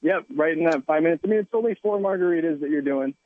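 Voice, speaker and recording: A man's voice: on the high side, fast, no room sound. Man talking over a tinny phone line. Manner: relaxed and joking. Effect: voice heard over the phone. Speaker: chef. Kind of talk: casual radio phone-in chat.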